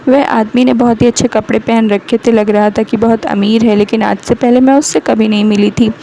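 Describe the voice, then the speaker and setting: A woman's voice: fairly high pitch, steady tone, a little fast, dark tone, slight background noise, poor audio. A woman narrating a moral story in the first person, reading all the parts in her own voice. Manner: reads every part herself, mother-in-law and man included, in her own voice.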